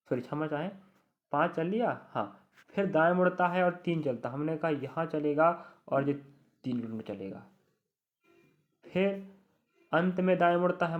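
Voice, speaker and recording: This is an online reasoning lesson from a young adult exam coach whose voice is on the higher side. Speaking directly to students, he keeps echoing key terms and comforting them, all captured in muffled, low-fidelity audio.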